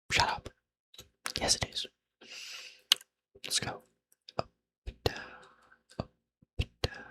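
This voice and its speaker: Man in whispered role-play, barely audible. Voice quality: breathy, unvoiced whisper. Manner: rambling, repeats short phrases over and over; playful, self-deprecating, teasing. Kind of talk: whispered role-play, unscripted ASMR eye exam.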